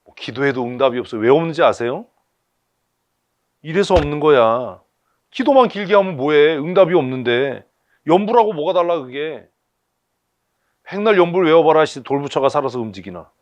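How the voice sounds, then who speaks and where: A man's voice: a little high, expressive, moderate pace, long pauses, no echo, muffled recording. A man preaching a sermon in blunt, colloquial speech full of rhetorical questions. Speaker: pastor. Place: church service.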